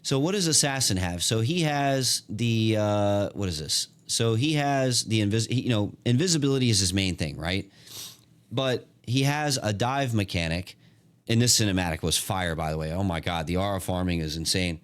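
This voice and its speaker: A man giving casual, excited gameplay commentary, full of slang, fillers and restarts. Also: on the low side, normal speed, clean tone. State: hiccuping. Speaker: gaming content creator.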